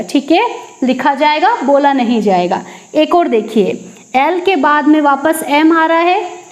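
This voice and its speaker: A woman teaching English at a board, slowly repeating each word and then answering her own questions. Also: high voice, echoey room, highs cut off. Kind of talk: classroom lesson. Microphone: teaching at a board with a marker.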